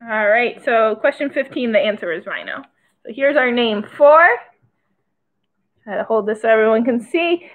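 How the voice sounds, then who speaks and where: A woman's voice: a little high, lively intonation, moderate pace, phone-quality sound. A young woman with a Michigan accent, casually hosting a trivia quiz and chatting between questions. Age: young adult. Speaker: trivia host. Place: small indoor room by a window.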